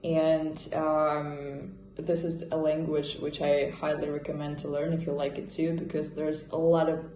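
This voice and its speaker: A woman vlogger speaking in a relaxed, thoughtful way, with fillers and restarts, in a casual vlog chat. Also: deep voice, measured pace, roomy sound.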